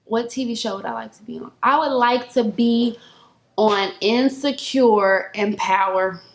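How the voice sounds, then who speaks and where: A young woman vlogger, telling stories casually to camera in a slangy, animated way and acting out quotes in high voices. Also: unhurried, a little hiss or hum. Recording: echoey room.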